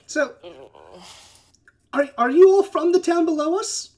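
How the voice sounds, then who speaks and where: A woman voicing a jovial, eccentric male cloud giant wizard who booms loudly but sits a little higher than expected, and who cackles and mutters to himself. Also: measured pace. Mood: curious.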